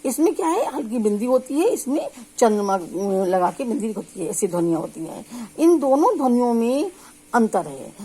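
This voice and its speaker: A woman teacher explaining speech sounds in a lecture, drawing out sample syllables slowly and often checking in with listeners. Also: a little high, sing-song, mellow, husky, rough recording. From India. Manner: slow, drawn-out sample syllables with frequent check-ins. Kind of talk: spoken lecture on phonetics.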